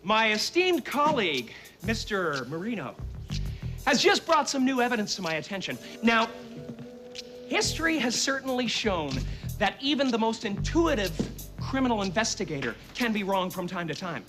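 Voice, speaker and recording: A man's voice: high-pitched, very animated, normal speed. A man playing a smug, flamboyant film detective, speaking like a pompous senator in mock-formal, theatrical oratory over a film soundtrack. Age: 30s. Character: flamboyant wisecracking male detective, smug and showboating. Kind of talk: theatrical comedic film acting. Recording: film soundtrack with music underneath.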